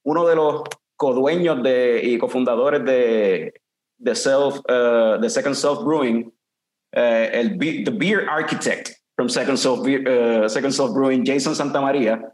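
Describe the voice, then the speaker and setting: A man's voice: medium pitch, moderate pace. A Puerto Rican man hosting a podcast, playful and switching easily between Spanish and English. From Puerto Rico. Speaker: podcast host. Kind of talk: casual podcast chat. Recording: echoey room with faint noise.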